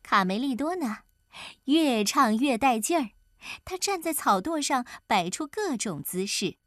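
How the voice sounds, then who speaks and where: A woman narrating a children's story in an expressive, animated way. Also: sits high, a little slow, no room sound, studio quality.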